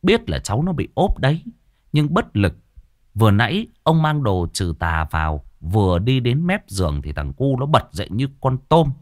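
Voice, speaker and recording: A man narrating a ghost story in an expressive, dramatic way. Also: mid-range voice, normal speed, no echo, studio quality.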